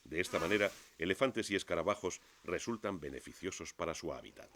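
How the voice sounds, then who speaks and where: A man narrates a scripted nature documentary in a measured, expository storytelling manner. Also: sits low, expressive, fairly bright tone, slight background noise.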